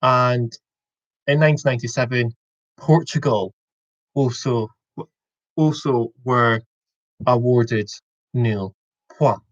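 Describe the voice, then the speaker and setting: A young Scottish man in his twenties hosts a laid-back online quiz over a video call, rambling, correcting himself and joking around. His voice is medium in pitch, and he takes it slowly with long pauses. The recording has its highs cut off.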